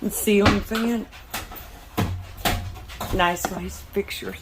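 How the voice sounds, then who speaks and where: A woman's voice: mid-range voice, steady tone, very slow, over loud music. A woman giving a casual walkthrough commentary as a vlogger inside a small camper trailer. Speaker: vlogger touring RVs. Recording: clear background noise, room ambience.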